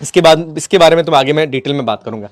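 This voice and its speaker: A male teacher with a fairly high voice tells history as a lively story. He plays out short lines for the figures and keeps checking that his students are following. His tone toward them is warm and affectionate. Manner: acts out historical figures' lines in quick asides.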